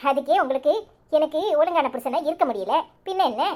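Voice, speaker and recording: High-voiced jealous young village wife , voiced by a woman. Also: lively intonation, fairly quick, a little mellow. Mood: complaining. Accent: Tirunelveli Tamil. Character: jealous young wife Anitha, feverish and pleading. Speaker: voice actor in a cartoon comedy. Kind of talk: village cartoon drama.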